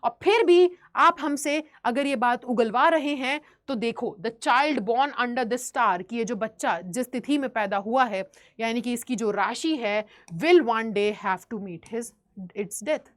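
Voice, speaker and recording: Woman voicing hushed grave court astrologers. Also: on the high side, slow pace. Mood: secretive.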